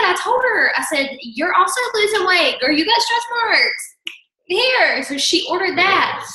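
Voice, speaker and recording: A woman's voice: high voice, echoey room, low-quality recording. A woman casually telling a story on a group call, often breaking into laughter as she talks. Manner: giggly, breaks into laughter, animated. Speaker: team member sharing her story.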